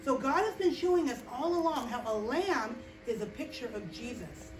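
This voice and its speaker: A woman with a high voice tells a Bible story to children, acting it out with big energy and checking in with the kids as she goes. She is middle-aged. The sound comes from a far camera in a small classroom, roomy and echoey, with a faint hiss underneath. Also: moderate pace, over music. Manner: lively, acts out the story with gestures, checks in with "okay?". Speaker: children's chapel teacher. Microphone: far camera, no visible mic. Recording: roomy echo, distant camera.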